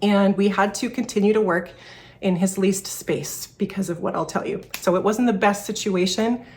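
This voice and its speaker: A woman's voice: mid-range voice, fairly even intonation, normal speed, a little mellow. Woman, 30s, from Canada; shop owner in a candid vlog, slightly breathless, rambling delivery. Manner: candid, rambling, many restarts and fillers. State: a little out of breath. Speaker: furniture repair business owner. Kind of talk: personal vlog talking to camera.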